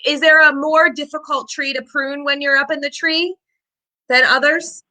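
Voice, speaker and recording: A woman's voice: high-pitched, steady tone, moderate pace, bright, forceful tone. A woman hosting a live-stream interview, upbeat and chatty, with filler words. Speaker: host.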